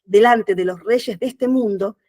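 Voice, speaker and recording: A woman's voice: mid-range voice, measured pace, darkish tone, close to an everyday voice. A woman quoting a stern king in her story, speaking in a grave, firm way. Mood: solemn. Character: stern male king judging a girl.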